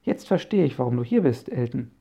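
A man's voice: mid-range voice, big pitch swings, brisk, creaky, dark tone, breathy edge, full character voice. A man reading a jovial older uncle who tinkers with machines, in an audiobook, hearty and chatty. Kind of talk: audiobook character voice.

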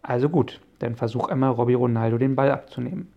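A friendly, patient inventor professor explains his machines in a dark, gravelly voice, as a man reads him in an audiobook. He speaks calmly and obligingly, like someone happy to show off his work. The tone stays even and mellow throughout. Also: medium pitch, quick pace, muffled recording, natural voice. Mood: explaining. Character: friendly middle-aged male inventor professor. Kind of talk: audiobook character voice.

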